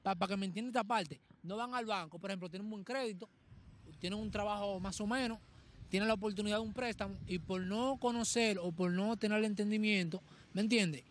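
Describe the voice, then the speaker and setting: A man's voice: sits high, fairly quick. A man explaining ideas through everyday examples in a casual podcast chat, often asking if he's understood. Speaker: podcast co-host.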